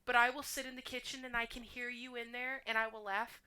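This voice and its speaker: A woman's voice: fairly high pitch, level tone, fairly quick, pushed and bright, slight background noise, poor audio. A woman with a Texan accent, chatting and teasing as a podcast co-host. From Texas, USA. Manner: chatty, laughs easily, teasing. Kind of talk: casual chat.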